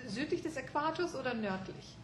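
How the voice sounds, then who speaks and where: A woman's voice: high-pitched, lively intonation, a little fast. A woman teacher interviewing a language student conversationally, encouraging with frequent affirmations and prompts. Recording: roomy echo, clear background noise.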